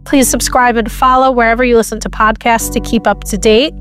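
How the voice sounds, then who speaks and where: A woman's voice: on the high side, steady tone, fairly quick, a bit bright, faint music behind. A woman co-hosting a podcast, chatting casually with frequent "like" fillers and laughing asides. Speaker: podcast co-host and political correspondent.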